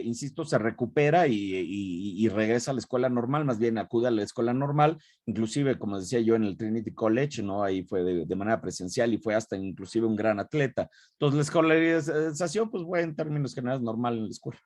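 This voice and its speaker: A man's voice: mid-range voice, a little fast, a little mellow, no room sound. Guy lecturing online, mid voice, lots of tag questions, dry close mic. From Mexico. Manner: frequent tag questions and restarts. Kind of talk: online talk with Q&A.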